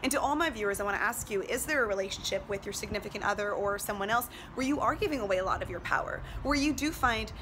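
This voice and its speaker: A woman's voice: mid-range voice, fast talker, hardly any pauses, fairly bright tone. A woman giving earnest, emphatic relationship advice straight to her viewers, filming herself selfie-style on a boat. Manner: earnest, emphatic, asking rhetorical questions. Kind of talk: direct-to-viewer motivational vlog talk. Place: outdoors on a boat. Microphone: handheld selfie camera at arm's length. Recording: noisy outdoor selfie recording on a boat.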